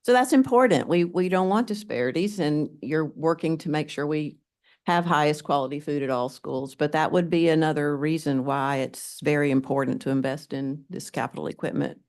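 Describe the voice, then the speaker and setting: Board member, mid-pitched voice, halting, restarts questions, public meeting. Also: a little mellow.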